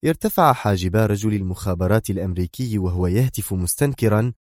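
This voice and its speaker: A man reading a spy novel aloud as narrator, in a steady, measured delivery. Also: lowish voice, no room sound, clean studio sound. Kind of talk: scripted audiobook narration.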